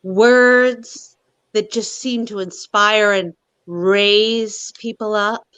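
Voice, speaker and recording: A woman playing a sultry woman who talks in innuendo over a video call, drawing her words out slowly. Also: mid-range voice, fairly even intonation, a bit bright, clean tone, no echo, highs cut off. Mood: seductive. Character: sultry smooth-talking woman full of innuendo.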